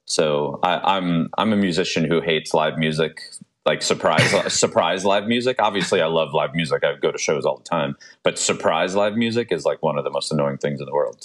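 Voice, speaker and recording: A man's voice: very deep voice, brisk. A man co-hosting a podcast in casual conversation. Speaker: podcast co-host. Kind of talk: casual chat.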